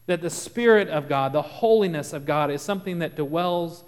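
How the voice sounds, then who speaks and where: A man with a Texas accent preaching a sermon as pastor, earnest and explanatory, with dramatic pauses and swings in volume. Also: fairly high pitch. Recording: long reverb of a large room.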